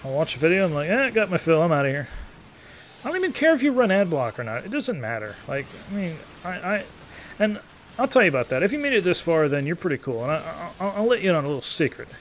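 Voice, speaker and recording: Talking fast in a slightly high, sing-song voice, a man in his thirties rambles casually through his gameplay as a YouTuber. He's easygoing and take-it-or-leave-it, and the audio carries a little hiss or hum.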